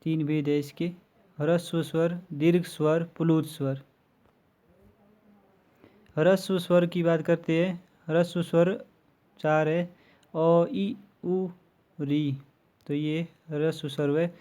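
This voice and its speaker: A man teaches an exam-prep grammar lesson, working methodically through lists of letters with examples. His voice sits a little high for a man but sounds mellow and dark in tone. He speaks in a flat, even delivery. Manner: slow, methodical listing with examples.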